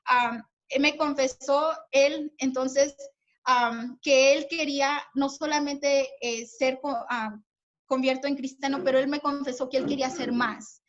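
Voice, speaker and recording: A woman's voice: high-pitched, steady tone, a little slow, highs cut off. A woman speaking as guest at a women's church meeting, giving an earnest personal testimony, with many fillers and restarts, speaking to her listeners as sisters. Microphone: video call.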